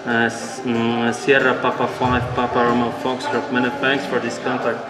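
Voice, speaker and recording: A middle-aged man with a Polish accent, a native Polish speaker, giving radio calls in halting English and spelling out call signs as he coaches students. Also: medium pitch, monotone, recorded from a distance, over loud music. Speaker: amateur radio club operator and instructor. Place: large school hall, indoors. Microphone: distant camera microphone. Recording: echoey hall, off-mic, loud background sound.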